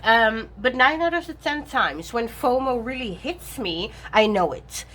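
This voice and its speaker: A woman's voice: a little high, expressive, measured pace, fairly bright tone. A woman vlogging casually about her tarot decks, chatty, often correcting herself and laughing between thoughts. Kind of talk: rambling casual chat.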